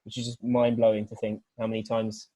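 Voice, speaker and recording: A British weightlifting coach talking through training ideas on a group video call, earnest and rambling, with many restarts. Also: male voice, lowish voice, completely flat delivery, brisk, dark tone, no echo. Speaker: weightlifting coach, guest speaker.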